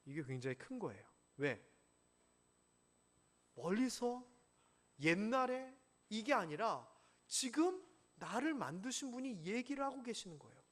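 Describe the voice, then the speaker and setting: Preaching in a church sanctuary, a man with a high-pitched voice speaks a little slowly and leaves long pauses. His delivery is animated, with questions for the congregation and stories he acts out.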